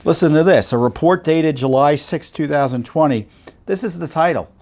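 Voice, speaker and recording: A man's voice: a little high, normal speed, a little mellow. Middle-aged man giving spoken commentary. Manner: conversational, with many fillers and rhetorical questions. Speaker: host. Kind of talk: commentary to camera.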